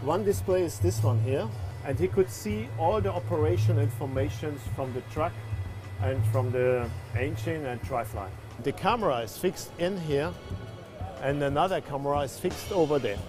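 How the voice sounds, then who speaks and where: A man explaining the inside of a truck, halting as he points things out. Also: on the high side, music in the background. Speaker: truck presenter. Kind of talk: explaining a product.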